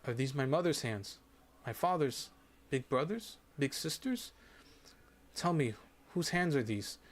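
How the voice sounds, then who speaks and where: A man voicing a frightened dying young girl who pleads in a high, tearful voice. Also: lively intonation, measured pace, gravelly, heavily acted. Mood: joyful, tender.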